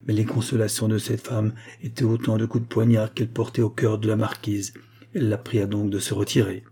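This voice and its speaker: A man reads a classic story aloud in a steady, measured way. His voice is husky and mellow, with a soft, darker color. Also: fairly low pitch. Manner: measured, even storytelling delivery. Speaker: audiobook narrator. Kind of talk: scripted literary narration.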